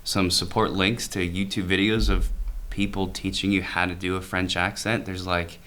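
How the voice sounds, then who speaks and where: A teacher co-hosting an education podcast speaks in a low, level, bright, forceful voice at a moderate pace. Chatting casually, he rambles, restarts, and corrects himself while explaining ideas, laughing easily.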